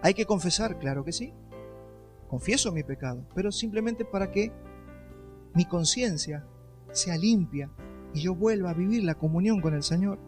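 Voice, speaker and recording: A man's voice: sits high, lively intonation, moderate pace, pauses often, darkish tone, soft background music. A male pastor, giving an emphatic sermon and putting rhetorical questions to the congregation.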